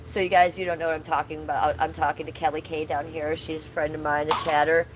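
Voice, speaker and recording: Speaking fast in a deep, flat voice over a noisy background, a woman runs a casual livestream from under the trees in her backyard. She's sick and her voice is going a little. She keeps things chatty and loose, swearing now and then and talking to viewers in chat by name.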